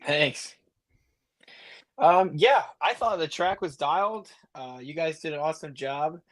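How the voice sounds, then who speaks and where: Man, guest on a call, hollow muffled fishbowl sound, earbud mic, relaxed casual chat. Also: on the high side, unhurried. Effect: muffled, hollow earbud call audio. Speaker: podcast guest, race winner. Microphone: wireless earbuds over a call.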